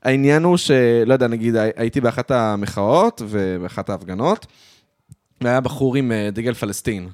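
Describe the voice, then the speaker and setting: A man's voice: medium pitch, expressive, a little mellow, dry recording, studio quality. A man chatting as a podcast guest, telling stories with many restarts and laughs. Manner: hesitant, restarting, laughing storyteller. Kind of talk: casual chat.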